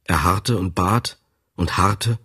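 A man with a low, slightly husky voice narrates a literary text in a scripted reading. His delivery is expressive and dramatic, shaping each sentence with feeling. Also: slow. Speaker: audiobook narrator.

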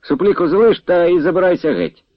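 A man's voice: high voice, lively intonation, fairly quick, dry recording, dull audio, pitched above the performer's own voice. A man voicing a haughty, spiteful manservant who sneers and orders people away. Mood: scornful. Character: haughty, spiteful male servant of a colonel.

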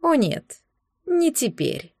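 A woman voicing a smug, cruel male sorcerer in an audiobook, speaking in a honeyed, sneering, deliberate way. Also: high-pitched, big pitch swings, vocal fry, no echo, studio quality, exaggerated voice. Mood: menacing. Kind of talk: audiobook character voice.

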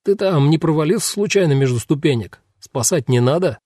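A man's voice: fairly high pitch, lively intonation, fairly quick, no echo, clean studio sound, pitched above the performer's own voice. A man voicing a bored male guard who jeers and calls out to his partner. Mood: taunting. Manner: jeering, calls out loudly.

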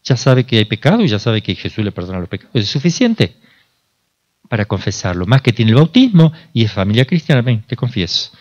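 Un sacerdote de Argentina que da una plática informal, le hace preguntas al público y recrea diálogos. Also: male voice, mid-range voice, sing-song, brisk. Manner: conversational, asks the audience questions, acts out dialogues. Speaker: priest. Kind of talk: informal sermon talk.

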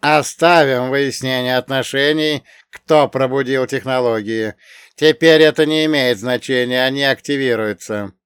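A man voicing a female crystal AI translator, speaking in an even, almost metallic, formal way. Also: mid-range voice, smooth, dry recording, studio quality, close to an everyday voice. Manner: formal, measured announcements.

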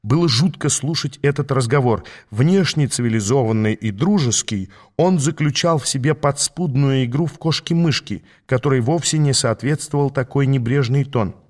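A male narrator reading a first-person fantasy novel aloud at a middle pitch. His delivery is even and steady, a plain storytelling read. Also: normal speed, few pauses. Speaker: audiobook narrator.

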